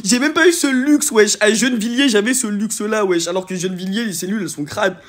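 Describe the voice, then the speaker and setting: A young man, an influencer, telling a personal story to his followers in a casual, slangy way, swinging between loud outbursts and low mutters. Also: fast talker.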